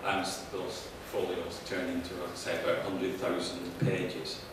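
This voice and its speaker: Seated at a panel table in a conference room, a professor speaks into a handheld mic in a low voice with a completely flat delivery. He falters often, with ums and restarts. The mic is distant, and the recording is noisy, capturing an echoey room from afar.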